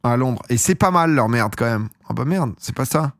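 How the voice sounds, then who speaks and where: A man's voice: medium pitch, expressive, normal speed, fairly bright tone, dry recording, studio quality. A young man from France chatting casually on a live stream, rambling and slangy, often laughing at himself. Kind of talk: casual chat with chat viewers.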